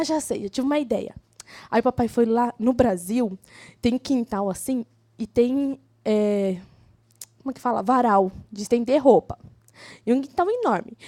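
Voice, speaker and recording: A woman's voice: high-pitched, no echo. A woman telling a children's story at a church service, acting out the voices of the characters. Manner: animated, acts out the characters' voices. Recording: live church service, dry sound.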